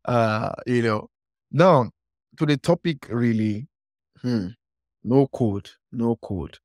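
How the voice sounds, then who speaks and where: A man's voice: mid-range voice, expressive, slow, a little mellow, no echo, clean studio sound. A man hosting a podcast, upbeat and casual, with filler words as he asks questions. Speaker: podcast host. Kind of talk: casual interview talk.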